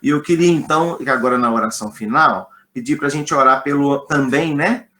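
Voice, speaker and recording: A man's voice: mid-range voice, brisk, pushed and bright. A Brazilian man leading a church class online, friendly and informal, stumbling over a list of names. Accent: Brazilian Portuguese. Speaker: Sunday school class leader. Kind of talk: casual online class talk.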